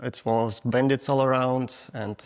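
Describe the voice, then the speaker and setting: A Russian-accented photographer in his forties answers interview questions casually, with frank, halting non-native English and frequent restarts. His mid-range voice keeps a fairly even intonation.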